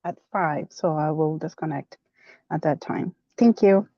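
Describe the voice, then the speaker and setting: A woman's voice: deep voice, measured pace, no echo, muffled recording. A woman who runs a nonprofit, calling into a meeting from a car speakerphone while driving, brief and apologetic. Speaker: nonprofit executive director. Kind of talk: introducing herself at a video-call meeting.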